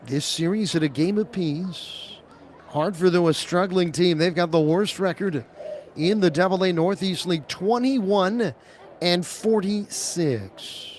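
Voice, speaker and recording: A man calling a baseball game as play-by-play announcer on the radio, rising to excited calls on big pitches.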